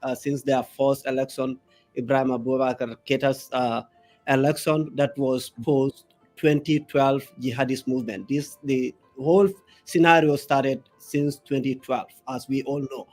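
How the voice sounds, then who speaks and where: Halting Gambian male political analyst. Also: medium pitch, steady tone, a little mellow, soft background music. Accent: Gambian English. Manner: halting, with many filler pauses. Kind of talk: live interview answers.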